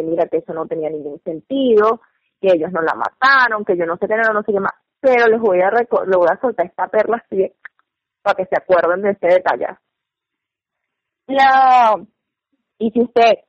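A Venezuelan woman co-hosting a radio show, telling stories in a lively, dramatic way with sudden exclamations. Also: mid-range voice, no echo. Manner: animated, dramatic storyteller with loud exclamations. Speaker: radio co-host. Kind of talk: casual radio commentary. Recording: dull, dry radio studio sound.

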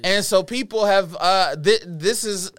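A man's voice: high voice, unhurried, a bit bright. A man co-hosting a casual talk show, telling profane stories with frequent stammered restarts. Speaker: podcast co-host. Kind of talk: casual chat.

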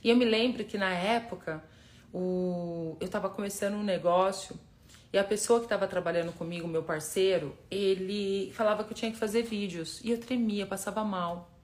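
A woman's voice: medium pitch, fairly even intonation, normal speed. A woman hosting a casual motivational live stream, talking straight to her viewers, emphatic and repeating words for force. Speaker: live-stream host, personal development facilitator.

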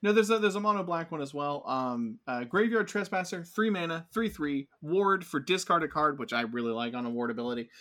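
A man hosting a casual podcast, reading out card text and giving quick, upbeat opinions on each one. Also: on the high side, a bit bright. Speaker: podcast host.

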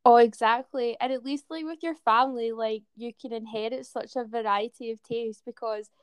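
Mid-twenties female host, higher smooth voice, dry close sound, easygoing interviewer. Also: fairly even intonation, moderate pace, no room sound. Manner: friendly, laughs often, asks follow-up questions. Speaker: podcast host. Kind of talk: casual interview chat.

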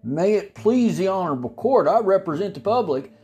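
An actor playing a nervous, pompous older male lawyer who speaks in rushed, florid oratory. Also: high voice, animated, a little mellow, faint music behind, pitched above the performer's own voice. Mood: pleading.

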